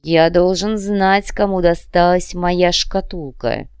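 A woman voices a male demon commissar in an audiobook, making him polite yet menacing, threatening with cold courtesy. Her natural voice is fairly low and a little mellow, with lively intonation at a moderate pace. The recording is dry and studio-clean, and the mood is one of cold menace.

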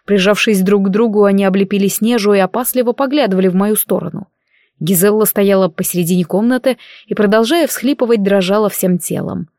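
A woman's voice: mid-range voice, brisk, dry recording, studio quality. Woman narrating a fantasy audiobook. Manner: steady storytelling. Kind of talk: scripted narration.

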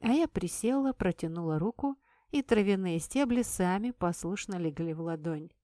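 A woman reading a first-person audiobook with calm, steady storytelling. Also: fairly low pitch, normal speed, no echo, clean studio sound. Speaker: narrator.

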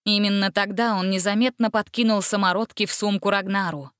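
A woman storyteller narrating a children's adventure with a lively, even-paced reading. Her voice sits at an ordinary middle pitch and sounds dry and close, with no room around it. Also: fairly quick, smooth, no room sound.

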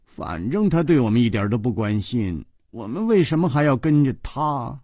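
A man's voice: medium pitch, sing-song, moderate pace, warm tone, no echo, studio quality. A man voicing a sly, coquettish young woman with coy, teasing lines in a storytelling radio reading.

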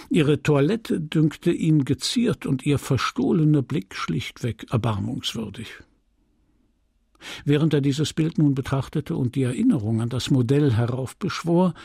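Man reading a novel, slow, gravelly, husky, dry close studio sound. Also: medium pitch, no room sound. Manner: measured, deliberate, expressive. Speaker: audiobook reader. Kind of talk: scripted narration of a classic novel.

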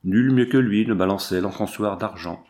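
A man reading a novel aloud in a measured, expressive way. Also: on the low side. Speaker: audiobook reader. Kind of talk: scripted narration of a novel.

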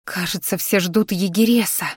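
A frightened young maid who speaks softly and fearfully, close to tears, as a woman reads her part. Her voice sits at a middling pitch and sounds dry and close. She is timid and loyal. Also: fairly even intonation, normal speed, slightly rough, no room sound, close to an everyday voice. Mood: frightened, tearful. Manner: soft, frightened, whispering.

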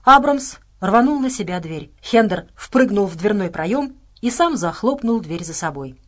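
A woman narrates an audiobook at a steady, measured pace. She leans on key words for drama. Her voice sits at a middle pitch for a woman. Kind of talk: scripted narration.

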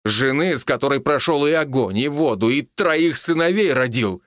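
A man narrating a scripted story with expressive, dramatic delivery. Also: mid-range voice, moderate pace, no echo, clean studio sound.

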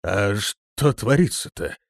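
A man's voice: lowish voice, lively intonation, slow pace, vocal fry, dry recording, exaggerated voice. A male reader plays a dim-witted, hungover lout who speaks dully and sluggishly, near the reader's own voice. The delivery is close and dry. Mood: dull. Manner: sluggish, dull. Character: slow-witted, dull tall male drunkard. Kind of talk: audiobook character voice.

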